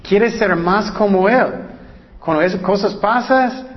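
A woman preaching a sermon in an earnest manner, slowing down to read scripture verses aloud. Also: mid-range voice, dull audio.

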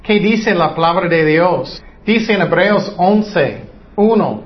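High-voiced man teaching the Bible slowly. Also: lively intonation. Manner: argues with rhetorical questions; mimics mocking quotes of others. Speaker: preacher. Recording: slightly dull lo-fi sound.

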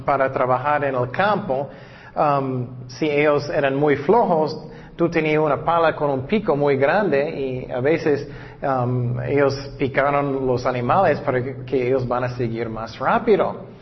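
A man preaches a sermon, reading scripture slowly and deliberately with hesitant pauses and frequent fillers. His voice is a little high, and the recording is dull with long reverb.

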